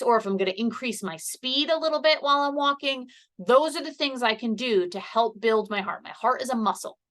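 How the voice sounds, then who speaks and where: A woman giving a relaxed health presentation while seated. She speaks chattily, with plenty of fillers, and her voice has a bright, forceful edge as she explains each step. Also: fairly high pitch. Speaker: health educator. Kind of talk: casual instructional presentation. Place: seated indoors.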